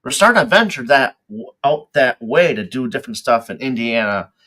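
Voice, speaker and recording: Male podcast host, bright tone, easygoing, laughs a lot, casual interview. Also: medium pitch, fairly quick. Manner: relaxed, laughs often, easygoing.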